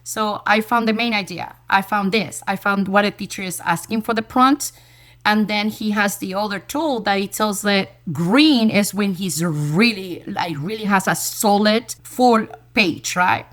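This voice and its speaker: An enthusiastic woman teacher speaks as an interview guest in a middle-pitched voice. She talks in a lively, animated way and often repeats a word as she pushes her thought along. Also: a little slow. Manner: lively storyteller who acts out quoted dialogue; enthusiastic, with frequent repeated words. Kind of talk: conversational interview storytelling.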